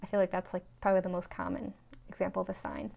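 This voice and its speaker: A woman from New York shares stories in a loose, chatty vlog style, leaning on "like" and "um" as she goes. Her voice is mellow and dark, with plenty of gravelly fry. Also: lowish voice, completely flat delivery, quick pace. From New York, USA. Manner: chatty, rambling, with many 'like' and 'um' fillers. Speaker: spiritual vlogger. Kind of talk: casual storytelling.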